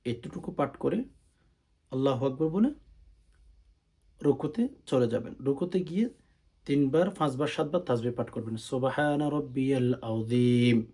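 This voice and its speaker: A man with a Bangladeshi Bengali accent explains the steps of prayer plainly and at an even pace, then recites the Arabic lines slowly in a chanting tone. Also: mid-range voice, husky. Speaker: Islamic prayer instructor. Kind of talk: step-by-step religious instruction.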